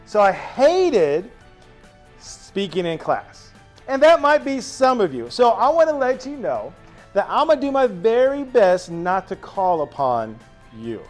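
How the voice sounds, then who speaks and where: A man teaching a first-day class, telling stories to his students in an animated way with drawn-out asides. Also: high-pitched, faint music behind.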